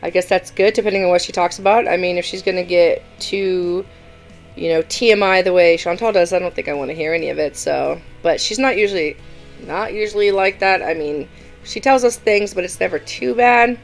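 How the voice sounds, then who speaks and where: A woman's voice: on the low side, fairly quick, vocal fry, soft background music, rough recording. A woman hosting a reaction video, chatting casually and giving her opinions with many fillers.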